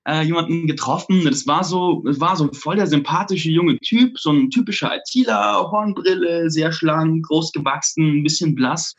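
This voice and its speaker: Guy telling a funny story in an interview, laughs a lot, kinda breathy voice, muffled audio. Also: fairly high pitch, normal speed, hardly any pauses. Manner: animated, laughs often, acts out quotes. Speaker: interview guest, flirt coach.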